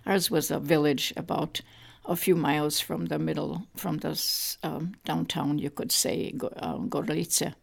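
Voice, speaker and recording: Gravelly older grandmother. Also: deep voice, fairly even intonation. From Poland. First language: Polish. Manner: halting, reflective, many pauses and fillers. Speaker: interviewee, grandmother. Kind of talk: oral history recollection.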